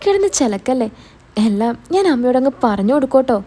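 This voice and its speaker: A woman's voice: high-pitched, very animated, fairly quick, warm tone. A woman voicing a scheming young man who bosses his sister and dodges his mother, talking in a casual, teasing way. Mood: bossy. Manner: casual, bossy, teasing talk.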